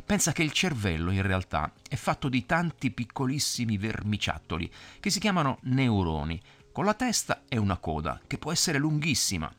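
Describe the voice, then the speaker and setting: A man reading a children's story aloud, explaining things gently as if talking to a child. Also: lowish voice.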